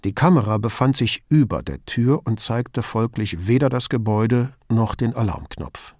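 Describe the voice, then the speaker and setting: A man reading an audiobook in measured storytelling narration, close to the mic. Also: mid-range voice, a little mellow, no echo. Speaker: audiobook reader. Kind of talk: scripted narration.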